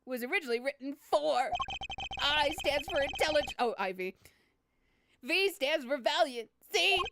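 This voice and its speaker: Woman as a pompous high-voiced science student. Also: animated, normal speed, noisy background. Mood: pompous, zealous. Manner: pompous, earnest lecturing. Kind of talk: dramatic read-aloud of a video game. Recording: loud game music behind the voice.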